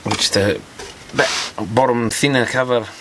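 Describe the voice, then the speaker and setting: Working through a teardown, a hobbyist in electronics repair keeps up a casual running commentary, thinking aloud and muttering as he goes. He speaks at a measured pace in a mid-range voice, while clicks and background noise come through clearly.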